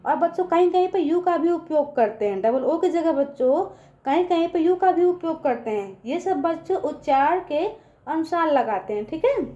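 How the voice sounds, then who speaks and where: A woman's voice: high voice, lively intonation, moderate pace, mellow, highs cut off. A woman teaching children, patient and repeating her points often. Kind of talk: children's lesson.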